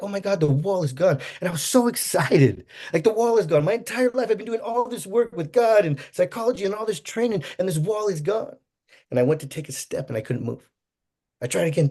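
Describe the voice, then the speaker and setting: A man telling an emotional personal story to an audience, swinging from hushed to excited. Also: fairly high pitch, breathy edge. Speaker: motivational speaker.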